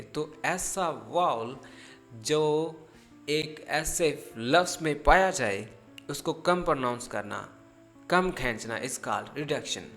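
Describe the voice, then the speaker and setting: A man teaching an English pronunciation lesson, speaking deliberately and stretching out example words so learners can repeat them. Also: on the high side, fairly bright tone. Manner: switches into careful, drawn-out English for examples. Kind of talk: spoken language lesson.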